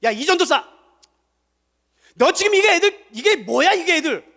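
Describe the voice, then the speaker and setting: A man's voice: very high-pitched, big pitch swings, long reverb tail, voice pushed up, full character voice. A man playing a stern old church elder. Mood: scolding. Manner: loud, rapid, indignant scolding.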